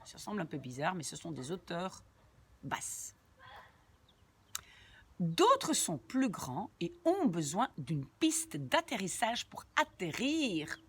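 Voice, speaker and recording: Slow, patient woman teaching Dutch. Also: on the low side, slight background noise. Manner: patient, repeats and translates word by word; chatty asides to viewers. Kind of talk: language lesson explaining a sentence.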